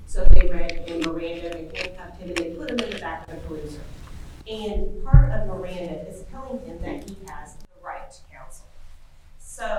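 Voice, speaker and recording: A woman's voice: fairly low pitch, a little mellow. A woman attorney from Indiana making a conversational oral argument to judges in a courtroom. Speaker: defense attorney. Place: large echoing courtroom, away from mic. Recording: very echoey room, distant mic, faint noise.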